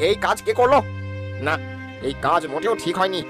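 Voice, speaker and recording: A man plays a kindly village husband in a cartoon, talking fast and coaxing his wife. His voice sits a little high. Faint music runs underneath. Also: animated. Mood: angry.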